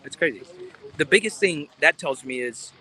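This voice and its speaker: A sports fan channel host livestreams by phone outdoors in a city near a palace, speaking in a fairly high, pushed, bright voice at normal speed. He's animated, rambling and chatty, tossing jokey asides to his viewers, and the recording is rough.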